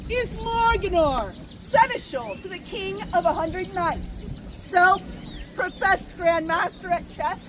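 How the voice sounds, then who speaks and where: A self-assured lady wizard, acted live by a woman in a faire show. The voice is very high and deliberately slow, with clear noise around it. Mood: knowing. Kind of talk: live faire stage performance. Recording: noisy outdoor faire recording.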